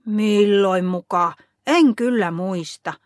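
A woman voicing a small preschool boy who is eager and quick to sulk, in a storybook reading. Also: high voice, big pitch swings, a bit bright, dry recording, clean studio sound, pitched above the performer's own voice. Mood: sulky.

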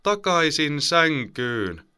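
A man's voice: on the high side, sing-song, bright, forceful tone, voice pushed up. A man doing a whiny little boy. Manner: whiny, pleading. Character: young boy, sleepy and stubborn. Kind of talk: audiobook character voice.

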